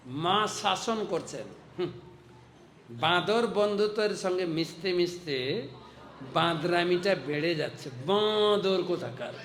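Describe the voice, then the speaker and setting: High-voiced, slow-speaking male preacher. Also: a little hiss or hum. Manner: animated, dramatic storytelling with acted voices. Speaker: monk giving a sermon. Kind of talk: storytelling sermon.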